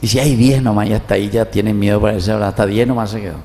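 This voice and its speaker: Paraguayan-accented male priest, low voice, sermon in a reverberant church with faint music behind. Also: racing. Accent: Paraguayan Spanish. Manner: conversational, animated retelling with tag questions.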